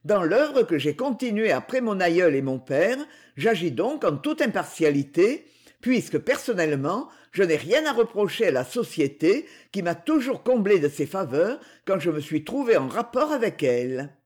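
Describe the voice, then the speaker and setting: A reader voicing a stern, courteous brigand king who speaks gravely and with conviction. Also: sits high, big pitch swings, normal speed, darkish tone. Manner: cool, courteous, solemn.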